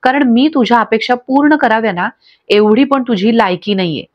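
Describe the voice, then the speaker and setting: Scolding bully husband, woman reader, slightly high voice, muffled lo-fi sound. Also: a little fast, natural voice. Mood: angry scolding. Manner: scolding, shouting insults. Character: short-tempered domineering middle-aged husband. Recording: dull lo-fi recording.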